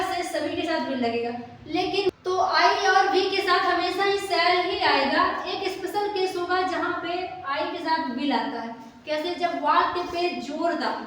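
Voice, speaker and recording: A woman English teacher explaining grammar slowly, repeating key words and checking that students understand. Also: extremely high pitch, a bit bright. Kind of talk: classroom grammar lesson. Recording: echoey room, distant mic, faint noise.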